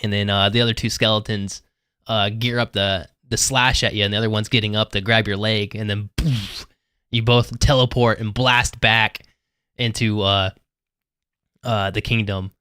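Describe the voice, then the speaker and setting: A man's voice: lowish voice, flat delivery, normal speed, bright, forceful tone, clear, resonant tone, no room sound. Laughing man running a tabletop game. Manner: loose, laughing narration with many fillers. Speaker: game master.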